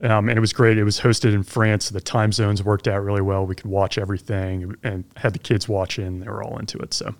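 Low-pitched man in his forties, relaxed podcast guest, easygoing storyteller. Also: fairly quick, few pauses. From grew up abroad (Belgium, Zimbabwe, Pakistan), then Florida. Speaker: podcast guest, former Army helicopter pilot. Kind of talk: casual interview storytelling.

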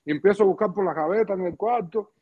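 A middle-aged man with a Cuban accent, a former pitcher telling anecdotes casually in an interview, slangy and lively, acting out the dialogue. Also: fast talker. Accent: Cuban Spanish. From Cuba. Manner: lively storyteller, slangy asides, acts out dialogue. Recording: muffled lo-fi podcast audio.

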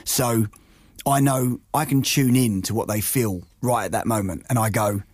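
A husky man in his forties chats on a podcast, rambling through animated stories and restarting his sentences often. His voice is recorded close and dry, with no room sound around it. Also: on the low side, moderate pace, no room sound. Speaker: podcast co-host. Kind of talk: casual chat.

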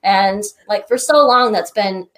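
A woman guest coach answering interview questions thoughtfully, pausing with frequent ums. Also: medium pitch, a bit bright. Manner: thoughtful, searching for words, with many ums.

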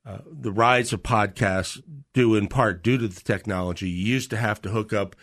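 Podcast host, man, low voice, relaxed talk with quick jokes. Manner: conversational, joking asides. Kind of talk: casual podcast discussion.

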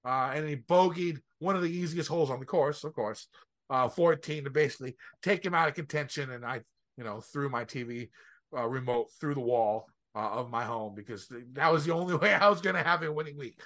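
A man's voice: medium pitch, brisk, fairly bright tone. A man co-hosting a golf podcast, giving a casual, stop-start, rambling recap of tournament play. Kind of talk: casual sports recap commentary.

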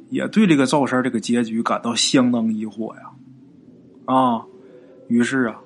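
A man's voice: mid-range voice, a little hiss or hum. A man narrating a ghost story in a chatty, colloquial way.

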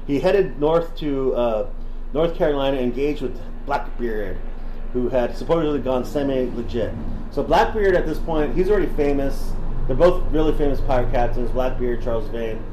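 A man's voice: medium pitch, mellow, slight background noise. Slangy man telling history, echoey. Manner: slangy, filler-heavy storytelling. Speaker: podcast co-host. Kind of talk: casual history podcast chat. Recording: roomy room echo.

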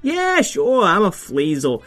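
A man voicing a scrappy young male weasel, a cheeky schemer who talks fast and fumbles with fillers. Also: sits high, huge pitch swings, fairly bright tone, soft background music, voice pushed up, full character voice. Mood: wheedling.

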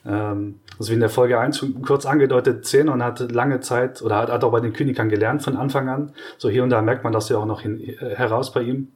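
German man explaining with lively examples. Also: medium pitch, a little fast, hardly any pauses. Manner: explains patiently with hesitant restarts and lively examples. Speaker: podcast co-host. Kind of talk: casual explanatory discussion.

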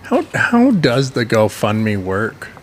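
A man's voice: on the low side, wildly swooping pitch, slow pace, a little hiss or hum. A man co-hosting a barbecue podcast, joking around and laughing often. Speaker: podcast co-host. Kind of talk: casual chat.

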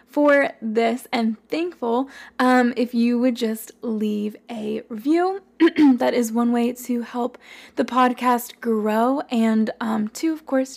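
A woman hosting a Bible study podcast, talking earnestly and encouragingly in a slightly hoarse, worn voice. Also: a little high, a little mellow. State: slightly hoarse, worn voice from recording the day before. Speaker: podcast host.

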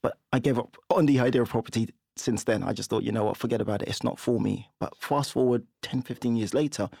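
A man, a guest telling lively stories in a casual podcast interview and laughing often. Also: mid-range voice, quick pace, vocal fry, husky, dry recording, clean studio sound. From London, England. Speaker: guest, property investor.

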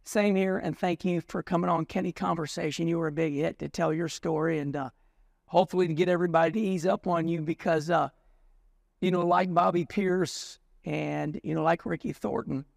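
A man's voice: a little high, a little fast, gravelly, no room sound, clean studio sound. A man in his sixties, a racing show host, telling stories in casual conversation and acting out the voices of people he quotes. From United States. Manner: animated storyteller, acts out quotes.

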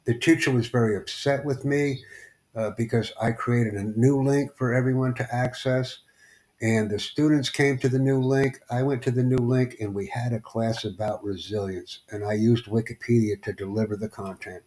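A man from the United States hosting a live stream, chatting casually with strangers in a rambling, halting way full of fillers. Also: medium pitch, steady tone, a little mellow. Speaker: livestream host.

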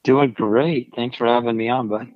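A man's voice: mid-range voice, steady tone, normal speed, dry recording. A man from the Southeastern United States, an easygoing podcast guest talking casually over a computer call. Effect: heard over a computer call. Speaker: podcast guest, gear product manager. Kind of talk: casual interview chat. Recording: dull lo-fi computer call audio, dry.

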